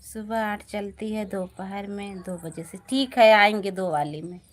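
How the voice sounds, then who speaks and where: A woman's voice: medium pitch, unhurried. Woman chatting on a phone live stream. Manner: reads viewer comments aloud and answers them warmly. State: recovering from illness. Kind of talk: casual live chat reading out comments.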